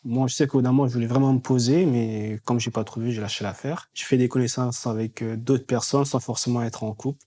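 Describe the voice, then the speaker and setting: Man, 20s, casual chat, slangy, candid, relaxed. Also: medium pitch, fast, few pauses. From France. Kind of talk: casual conversation.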